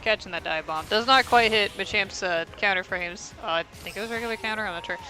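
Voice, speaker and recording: Male esports commentator, high bright voice, casual and self-deprecating, faint music behind. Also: brisk, rough recording. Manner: rambling, self-deprecating, thinks aloud. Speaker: tournament commentator.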